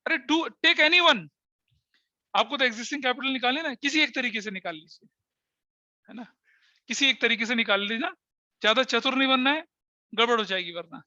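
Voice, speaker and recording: A man's voice: extremely high pitch, fairly quick, pauses often, pushed and bright, no echo, muffled recording. A middle-aged man teaching an accountancy class, talking straight to his students, mixing Hindi and English terms, joking and scolding by turns. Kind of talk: online class lecture.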